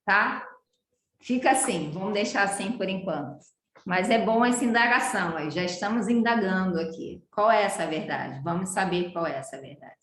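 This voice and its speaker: Over a video call, a woman with a Brazilian Portuguese accent leads a live yoga class, speaking animatedly and frequently asking her students questions. Her mid-range voice moves at normal speed. The recording has a roomy echo, as though she's in a reverberant space.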